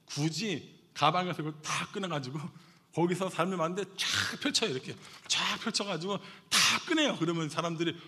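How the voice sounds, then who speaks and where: A middle-aged man preaching a sermon as pastor, telling a story with animated swings between loud and hushed delivery. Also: a little high, brisk, slight background noise.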